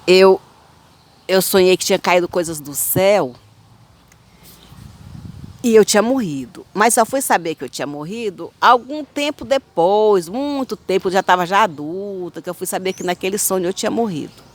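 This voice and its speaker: A woman in her fifties with a Brazilian accent, telling her own dreams in a rambling, repetitive, halting way. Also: medium pitch, expressive. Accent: Brazilian Portuguese. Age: 50s. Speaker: spiritual channel host. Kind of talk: personal testimony of dreams.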